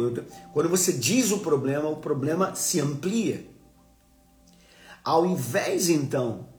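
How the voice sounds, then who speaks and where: A man preaches in an earnest, emphatic voice, slowing down to lean on key phrases. His voice rings around a reverberant room, with faint music playing behind him. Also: a little high. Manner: earnest, emphatic, often slowing to stress words. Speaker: preacher hosting a live stream. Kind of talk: live-stream devotional teaching.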